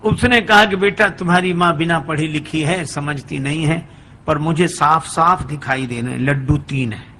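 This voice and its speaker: A man's voice: on the high side, normal speed, bright, forceful tone, a little hiss or hum. A man preaching a humorous storytelling sermon, acting out the dialogue of the characters as he goes. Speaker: religious preacher. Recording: echoey hall with faint ambience.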